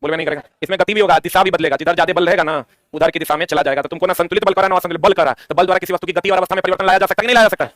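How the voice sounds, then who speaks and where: Rapid-fire male tutor drilling questions. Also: high-pitched, fairly even intonation, a bit bright, dry recording. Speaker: teacher. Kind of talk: exam-prep science lesson.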